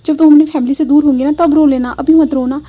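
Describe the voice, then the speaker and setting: Possessive mafia guy, smug and pushy, high soft voice, woman reading it out. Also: fairly even intonation, fast talker, close to an everyday voice. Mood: coaxing. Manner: pleading then gloating, emphatic. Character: possessive young male mafia boss, menacing.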